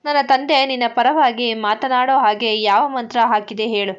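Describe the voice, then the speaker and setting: A woman voicing a cruel, furious young rich man who shouts scornful threats. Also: on the high side, steady tone, normal speed, clear, resonant tone, lo-fi sound, lightly acted.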